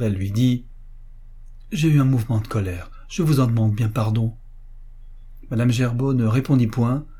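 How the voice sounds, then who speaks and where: In short, deliberate phrases, a man narrates a classic story for an audiobook. His husky voice is mellow and dark, pitched in the medium range.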